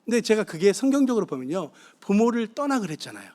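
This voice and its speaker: A man's voice: high voice, big pitch swings, quick pace, a little mellow. A middle-aged man preaching a sermon on marriage to a church congregation, asking them questions as he goes. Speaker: guest pastor. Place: church sanctuary.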